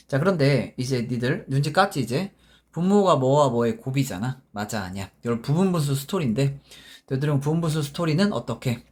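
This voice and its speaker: A man teaching a math lesson in a casual, informal way, working problems step by step and often stopping to ask if the students follow. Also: medium pitch. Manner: informal, constantly checking understanding with short tag questions; talks while working problems step by step, with self-corrections.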